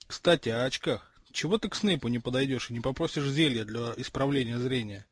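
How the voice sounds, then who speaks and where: A man's voice: medium pitch, brisk, slightly rough, no room sound, clean studio sound, close to an everyday voice. A man reading a curious, cheerful schoolboy.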